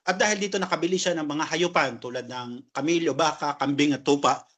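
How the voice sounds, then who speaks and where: Man giving a religious class lecture, slightly high pitch, explains terms, frequent tag questions. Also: a little fast, fairly bright tone. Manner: explains terms, tags sentences with "no?". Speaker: Islamic lecturer.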